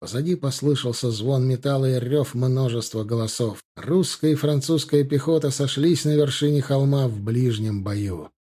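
A man narrating a historical war novel as an audiobook, in a steady storytelling voice. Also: mid-range voice, moderate pace, few pauses, slightly rough.

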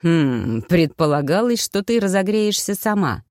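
A woman voicing a calm, gently teasing male werewolf lover in an audiobook. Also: deep voice, normal speed, dry recording, studio quality.

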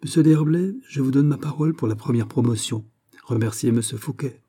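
Guy reading as young king, regal, bossy, kinda dark and husky. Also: mid-range voice, a little fast, voice pushed up, close to an everyday voice. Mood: gracious. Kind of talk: audiobook character reading.

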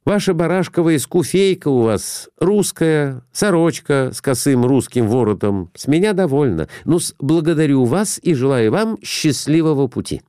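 A man playing a brisk, self-assured officer. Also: a little high, expressive, warm tone, no echo, clean studio sound, voice pushed up, lightly acted.

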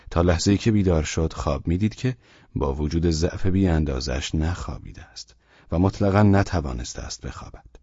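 A man narrating a novel as an audiobook, reading in a steady, measured way, in a dull lo-fi recording. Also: sits low, slightly rough, no room sound.

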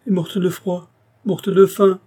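A man's voice: medium pitch, a little fast, mellow, breathy edge, natural voice. A man voicing a simple-hearted young village man, plaintive, earnest and tearful. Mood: grieving.

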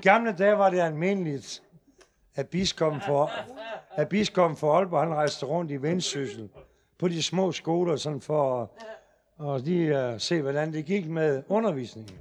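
Brief: male comic storyteller, high voice, punchy, lively. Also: faint music behind.

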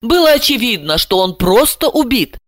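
A woman narrating an audiobook in an expressive, storytelling manner. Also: a little high, normal speed, dry recording, studio quality. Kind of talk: scripted narration.

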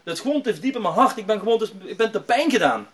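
A man's voice: fairly high pitch, fairly quick, natural voice. A man acting out a distraught young man in despair, wailing and sobbing with self-pity.

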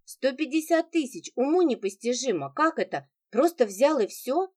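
A woman's voice: sits high, lively intonation, normal speed, darkish tone, voice pushed up. A woman reading an audiobook, voicing an agitated, indignant man who keeps exclaiming in alarm. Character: flustered indignant adult brother-in-law.

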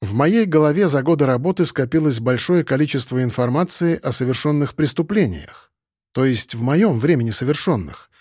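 A man's voice: medium pitch, lively intonation, a little fast, a little mellow, no room sound, clean studio sound. A man reading a first-person audiobook in a musing, conversational way. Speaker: narrator. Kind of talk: audiobook narration.

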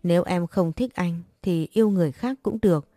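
A woman's voice: fairly low pitch, fairly quick, mellow, no echo, lightly acted. A woman voicing a caring but pushy young man who scolds and coaxes a crying friend. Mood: coaxing. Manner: scolding yet tender, coaxing. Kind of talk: audiobook character reading.

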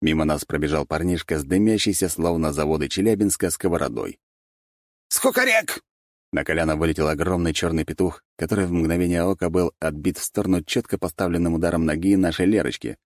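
A man narrating an audiobook in a wry, expressive way. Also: low voice, fast, few pauses, no echo, clean studio sound.

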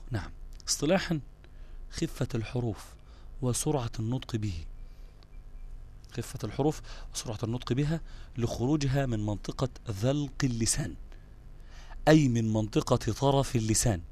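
Speaking at a medium pitch, an Egyptian-accented man leads a live online Quran recitation class. He explains things patiently, goes over terms more than once, and keeps checking in with the people listening.

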